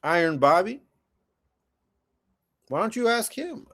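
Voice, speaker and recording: A man's voice: high-pitched, sing-song, takes it slowly, a bit bright. A man hosting a livestream, ranting bluntly and profanely while answering chat comments in a confrontational, mocking way. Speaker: livestream host.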